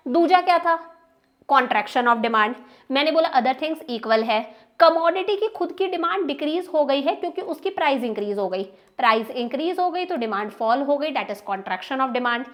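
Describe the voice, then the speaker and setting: High-voiced Indian woman teaching economics. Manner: explains step by step, checks understanding with repeated questions; slows down and stresses English key terms. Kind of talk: exam-prep lecture.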